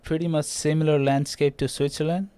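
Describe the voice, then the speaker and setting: A man's voice: on the high side, level tone, a little fast, dark tone, smooth, no echo. A man hosting a podcast, asking loose questions and laughing along with his guest. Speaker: podcast host. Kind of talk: casual interview talk.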